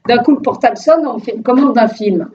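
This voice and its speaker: A woman filmmaker giving a lively personal testimony to an audience, laughing often and restarting her phrases. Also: a little high, fast talker. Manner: animated, laughing, with frequent restarts. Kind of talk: lively storytelling talk to an audience. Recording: distant, dull, slightly noisy room recording.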